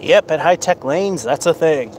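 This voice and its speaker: Bowling on an outdoor lane set up in a parking lot, a man films himself and tallies scores with a chatty, casual commentary full of wry asides. His voice is fairly high, animated, and darkish in tone, at a normal speed. A camera on a stand some distance away picks him up, along with outdoor background noise.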